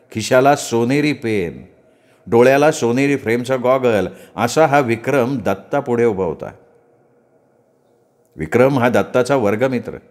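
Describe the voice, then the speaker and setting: A man narrates a novel as an audiobook, his voice sitting in an ordinary middle range. He reads steadily and with expression, keeping an even, measured pace between the scenes. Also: mid-range voice. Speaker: storyteller.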